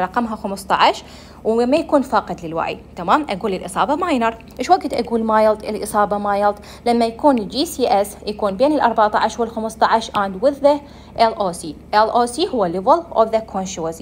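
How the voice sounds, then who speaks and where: A woman's voice: medium pitch, a little hiss or hum. A young woman with an Iraqi Arabic accent giving a medical lecture, explaining step by step and answering her own questions.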